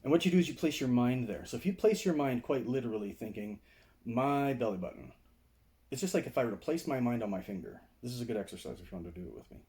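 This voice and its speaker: Male meditation teacher, mellow mid-pitched voice, easy conversational lecture to camera, keeps checking in with listeners. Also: lively intonation, fast talker. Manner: conversational, explains with frequent "right?" and "okay?" check-ins. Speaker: meditation and martial arts teacher. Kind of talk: casual video lecture to camera. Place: indoors, seated.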